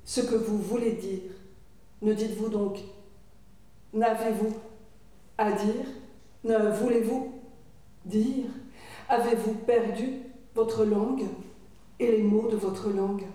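A woman performing a spoken-word poem in a measured, incantatory, questioning manner. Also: medium pitch, steady tone, mellow. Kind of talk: spoken-word poetry recitation. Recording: very echoey room, voice from far off.

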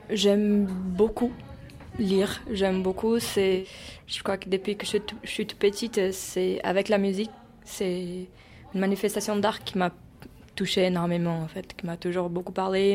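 This interviewee, a young Brazilian-origin woman in a cultural group, replies casually at a moderate pace. Her mid-range voice is flat and a little mellow, and she restarts often and uses lots of fillers.

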